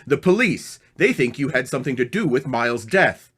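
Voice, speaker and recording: A man playing an anxious, desperate husband in an old-time radio mystery, agitated and pleading, with halting delivery. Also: mid-range voice, animated, fairly bright tone, breathy edge.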